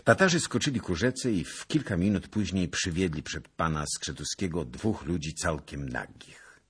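A man narrating an audiobook in a dramatic, expressive reading style. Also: low voice, moderate pace, slightly rough. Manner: expressive, swelling with the action.

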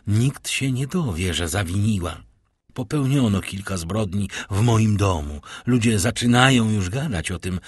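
A man reading an audiobook, voicing a tormented, scheming middle-aged prosecutor who broods inwardly and later shouts in panic. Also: on the low side, husky, no room sound, clean studio sound. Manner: brooding inner monologue, turning to frantic shouting.

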